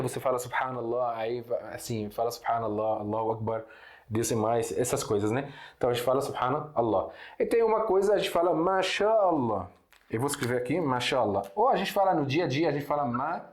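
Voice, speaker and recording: A man's voice: on the high side, a little mellow. A man from Syria, a native Arabic speaker, teaching an Arabic lesson in casual Portuguese, with many fillers and restarts as he explains. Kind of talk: casual online language lesson. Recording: echoey room.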